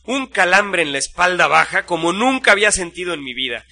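A man narrating a first-person story in a steady, suspenseful storytelling manner. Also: high voice, brisk, gravelly.

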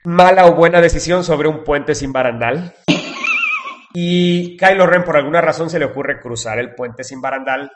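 A man with a Mexican Spanish accent and a slightly higher voice, chatting casually as a podcast host. He talks in an animated, excitable way, peppering his retelling with slang and restarts. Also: moderate pace. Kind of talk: casual chat retelling a film.

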